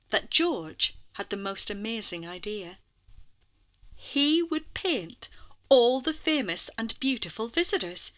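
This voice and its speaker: In a mid-range voice, a woman performs a children's bedtime story with expression, holding on dramatic phrases and softening parts of the telling.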